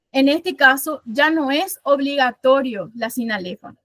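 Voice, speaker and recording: Woman from Paraguay, literature teacher. High voice, slow measured delivery, patient step-by-step explanations with frequent self-corrections. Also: a bit bright, dry recording. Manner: explains step by step, counting syllables aloud. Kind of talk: online class lecture.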